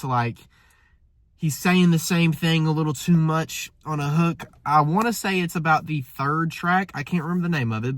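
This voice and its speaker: A man's voice: fairly high pitch, fairly bright tone, no room sound. A man with a congested, stuffy voice giving a casual spoken album review, rambling and often correcting himself mid-sentence. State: congested, nasal from a coming cold. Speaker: music reviewer.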